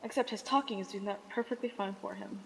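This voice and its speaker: A woman's voice: mid-range voice, quick pace, vocal fry, crowd noise. A woman chatting in character on a roleplay server, blunt and teasing in her remarks. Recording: long reverb.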